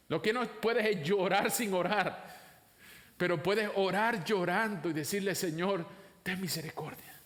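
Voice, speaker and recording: A pastor preaches a sermon, posing rhetorical questions to the congregation. His fairly bright voice climbs high to stress a point, then sinks low and slow.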